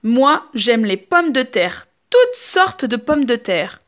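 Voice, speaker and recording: A woman voicing a slow, easygoing pig in a children's story, drawing out her words. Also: on the high side, very animated, a bit bright, exaggerated voice. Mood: musing.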